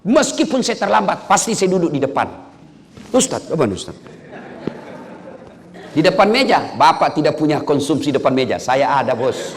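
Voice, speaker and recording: A man preaching a humorous sermon to an audience, acting out stories with shouted voices. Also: high voice, a little hiss or hum. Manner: lively, joking, acts out stories with shouted voices. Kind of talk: humorous sermon to civil servants. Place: hall with an audience. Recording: echoey hall.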